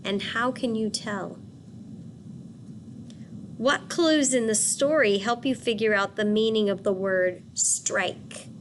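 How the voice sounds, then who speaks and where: Teacher lady reading a kids book out loud, slow and patient, asks questions, faint room hum. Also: medium pitch.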